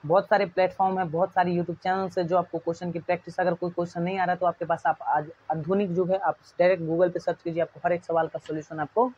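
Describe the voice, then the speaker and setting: A man's voice: high-pitched, level tone, quick pace, hardly any pauses, darkish tone, highs cut off, a little hiss or hum. A man teaching an exam-prep math lesson in a chatty, jokey way, constantly checking whether students follow.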